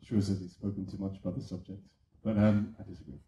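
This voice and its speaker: A man's voice: sits low, flat delivery, fast talker, dark tone, highs cut off, a little hiss or hum. A man on a film panel answering with enthusiasm, rambling a little as he goes. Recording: echoey room.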